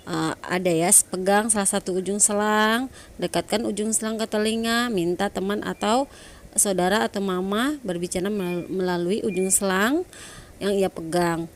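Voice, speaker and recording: A woman teaching a primary school class online, speaking gently and coaxing her pupils with frequent "ya". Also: mid-range voice, slight background noise. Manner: gentle, coaxing, adds "ya" to sentences.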